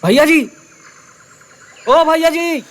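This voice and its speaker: A man's voice: sits high, lively intonation, a little slow. An actor playing a worried male villager, calling out anxiously to help a hurt man. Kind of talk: Hindi film dialogue.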